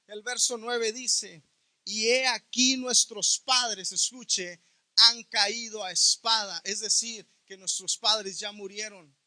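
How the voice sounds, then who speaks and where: Male preacher, piercing bright tone, emphatic delivery. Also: high-pitched, dry recording. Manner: emphatic, rising to near shouts on key words. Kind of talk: sermon.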